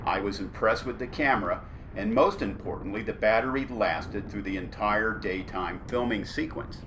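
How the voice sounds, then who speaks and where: A man's voice: on the low side, normal speed. A man giving a scripted narration as a weather journalist reviewing gear. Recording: clear background noise, storm ambience.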